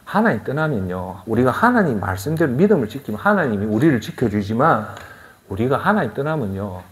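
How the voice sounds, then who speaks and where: A middle-aged man with a Gyeongsang accent preaching a sermon, firing off rhetorical questions in an animated way. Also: medium pitch, fairly quick. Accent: Gyeongsang Korean. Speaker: pastor.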